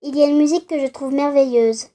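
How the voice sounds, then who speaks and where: A woman's voice: high-pitched, fairly even intonation, fast talker, warm tone, natural voice. A woman reading out the lines of a friendly young woman in a dating game, in a plain reading voice. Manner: reads the on-screen lines plainly.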